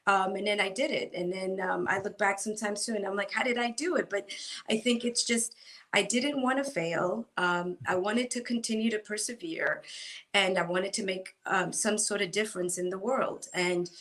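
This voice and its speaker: Female guest, middle-aged, from Ecuador, sincere and encouraging, halting conversational delivery. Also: medium pitch, a bit bright. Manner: earnest, repeats words as she restarts sentences. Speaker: guest, former Marine. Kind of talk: conversational interview.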